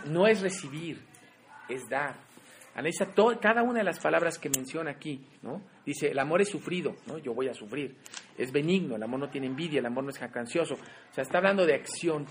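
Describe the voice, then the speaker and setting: Brief: middle-aged Mexican preacher, slightly high voice, chatty, keeps checking in with listeners. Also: male voice, slight background noise. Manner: casual, keeps asking "¿no?". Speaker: preacher to men. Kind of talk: conversational devotional talk.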